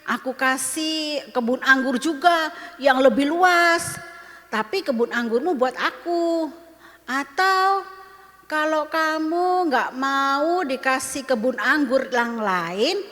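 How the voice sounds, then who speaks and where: Sulky greedy king, as a woman puts him on, high and bargaining, reverberant room. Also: lively intonation, slow, a bit bright, full character voice. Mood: coaxing. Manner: coaxing, bargaining.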